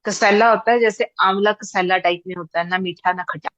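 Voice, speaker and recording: A woman's voice: mid-range voice, fairly even intonation, a little fast, fairly bright tone, no echo, lo-fi sound. A woman teaching a class, explaining patiently and repeating points with everyday examples. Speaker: teacher of breath practice.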